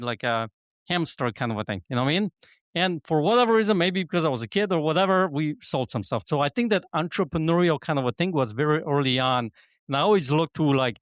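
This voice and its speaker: A middle-aged man from Poland speaks in a relaxed, rambling way as a podcast guest, often checking in with "you know what I mean". His voice sits at an ordinary pitch for a man. The recording is close and dry, with no room sound. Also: no room sound. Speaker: podcast guest, business coach. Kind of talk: casual conversation.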